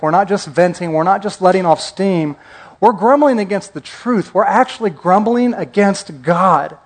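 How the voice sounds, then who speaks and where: A male pastor preaching a conversational sermon, joking and asking the congregation questions. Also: sits high.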